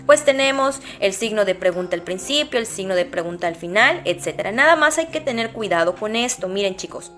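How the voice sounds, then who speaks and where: A woman's voice: medium pitch, animated, fairly quick, hardly any pauses, fairly bright tone. A young adult woman with a Mexican accent, a teacher patiently explaining a lesson step by step to her pupils. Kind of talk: classroom lesson. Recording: music playing behind her.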